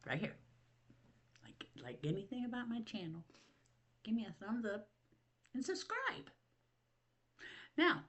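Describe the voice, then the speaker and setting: A woman's voice: on the low side, a bit bright. Chatty older woman. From Ohio. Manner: rambling, chatty, laughs often, self-mocking. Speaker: vlog host. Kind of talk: casual chat to camera. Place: at home.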